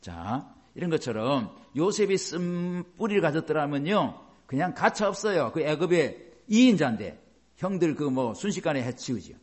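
A middle-aged man preaching a sermon as a pastor, animated, with many rhetorical questions. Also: a little high, normal speed.

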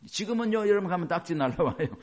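Guy preaching, super animated, lots of rhetorical questions. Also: high voice, quick pace. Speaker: pastor. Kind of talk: sermon.

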